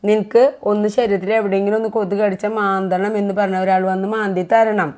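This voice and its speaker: Fast-talking lecturing mother. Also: medium pitch, flat delivery, a little mellow. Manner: earnest lecturing tone, repeats points. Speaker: mother vlogger. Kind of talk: casual family vlog conversation.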